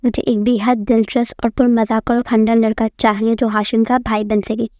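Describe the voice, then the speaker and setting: A woman's voice: fairly high pitch, little pitch movement, warm tone, dry recording, studio quality, natural voice. Woman voicing a magical male healer. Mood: commanding. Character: mysterious male magic healer, spell-caster.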